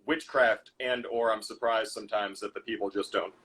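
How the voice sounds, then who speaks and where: A man's voice: on the low side, steady tone, moderate pace, a bit bright, breathy edge. A man co-hosting a podcast in casual chat, dry and joking as he reads out messages from the chat. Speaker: podcast co-host.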